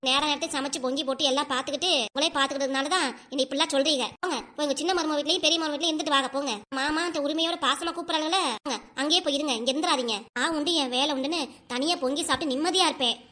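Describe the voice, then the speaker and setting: A woman's voice: high voice, bright, forceful tone. A woman voicing a tearful scolding grandmother over sixty. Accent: southern Tamil Nadu dialect. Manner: rapid, reproachful scolding. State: crying. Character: upset old grandmother, wife over sixty. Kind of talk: cartoon voice acting.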